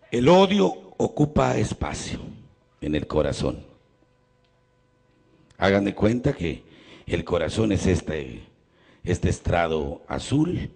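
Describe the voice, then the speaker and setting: A middle-aged Mexican priest preaches to his congregation in a low, gravelly voice with a husky edge. His pitch leaps and falls with real animation. He swings from loud emphasis to hushed, probing questions and acts out the people in his stories. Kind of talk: sermon with storytelling.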